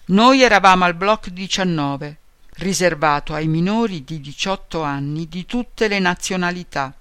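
Male book reader, high smooth voice, steady measured delivery. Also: dry recording. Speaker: reader of a memoir. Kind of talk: reading a book aloud.

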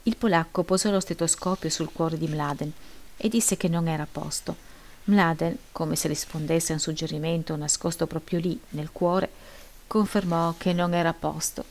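A woman narrating first-person literary prose as an audiobook reader, with a measured, steady delivery. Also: deep voice.

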